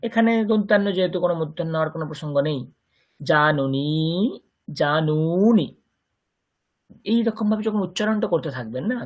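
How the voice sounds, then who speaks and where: A man's voice: sits high, breathy edge, muffled recording. A man with a Bengali accent teaching a Sanskrit grammar lesson, patiently explaining and repeating words for his students. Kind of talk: online language lesson.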